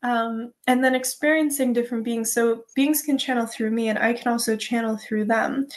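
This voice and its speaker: A woman speaking unscripted as a channeler guest in a spiritual interview, earnest and drawing out words for emphasis. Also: a little high.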